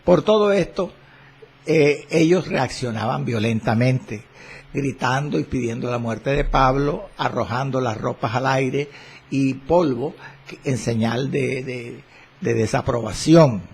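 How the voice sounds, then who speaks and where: Male radio Bible teacher, very slow and deliberate, gravelly, husky tone. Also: mid-range voice, darkish tone. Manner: slow, deliberate preaching with prayer.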